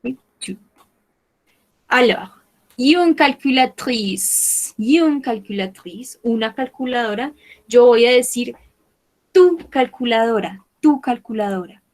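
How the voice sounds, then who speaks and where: In an online French lesson, a patient female teacher speaks at an unhurried pace, saying every word two or three times and carefully spelling out how it is pronounced. Her fairly high, slightly mellow voice comes through poor audio.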